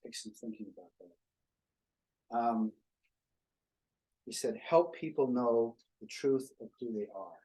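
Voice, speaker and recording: A man presenting to a small faith gathering, reflective, quoting writers and pausing often. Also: medium pitch, dark tone, husky, rough recording. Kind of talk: informal group talk.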